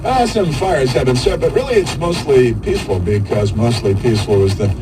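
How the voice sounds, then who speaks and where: A man hosting conservative political talk radio, delivering a halting, rambling monologue in a sarcastic, mocking manner. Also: mid-range voice, a loud crowd, rough recording. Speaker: radio talk show host.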